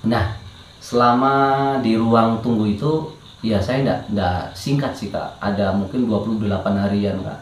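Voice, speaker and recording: A man's voice: lowish voice, unhurried, roomy sound, a little hiss or hum, poor audio. A man, a guest telling his life story in a hesitant, casual way with fillers and restarts.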